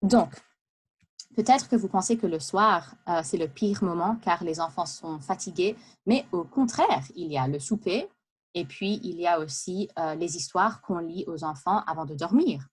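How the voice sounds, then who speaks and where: Chatty woman, low voice. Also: moderate pace, breathy edge. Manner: lively, chatty, with asides and laughs. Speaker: speaker giving a practice talk. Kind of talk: prepared speech for interpreting practice.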